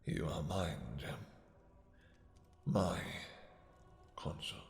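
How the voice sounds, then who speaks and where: A man playing a possessive, lovesick vampire king in a romantic fantasy roleplay, speaking in formal, halting, commanding endearments that often sink to a breathy near-whisper. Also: sits low, steady tone, roomy sound, in a large hall, heavily acted. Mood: possessive, tender.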